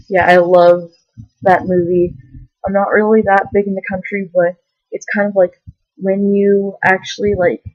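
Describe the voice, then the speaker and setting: A young woman vlogs into her camera mic, rambling loosely with lots of fillers and giggly bursts of enthusiasm. Her voice is fairly low and darkish, with no echo and the highs cut off.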